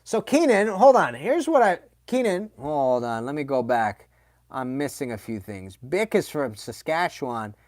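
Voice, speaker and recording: A man runs a relaxed livestream, answering viewers in a loose, slangy way full of fillers and asides. His voice sits at an ordinary middle pitch. The sound is dry, with no room echo. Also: a little slow. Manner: chatty and animated, with slangy asides and frequent fillers. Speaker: livestream host answering chat questions. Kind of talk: casual livestream chat.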